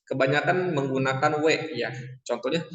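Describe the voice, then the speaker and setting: A man's voice: mid-range voice, moderate pace, a bit bright, muffled recording. A man teaching Quran recitation, patiently repeating syllables and chanting verses to show correct pronunciation. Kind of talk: tajwid lesson with chanted demonstrations. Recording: echoey room with long reverb.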